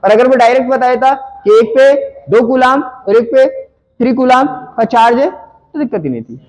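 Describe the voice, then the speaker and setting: A man with a strikingly high voice teaching a physics numerical problem. He talks in a conversational way, keeps asking the class questions and then answers them himself. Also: lively intonation, normal speed, a little mellow, poor audio. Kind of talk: explaining a numerical problem to students.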